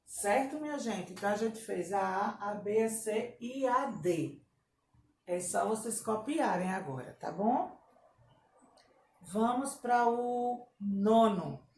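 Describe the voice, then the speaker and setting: Woman teacher going slow for kids, praising answers, roomy echo. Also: medium pitch, expressive, a little mellow. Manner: slow, encouraging, repeats children's answers. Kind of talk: Portuguese grammar lesson for children. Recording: echoey room with faint background hiss.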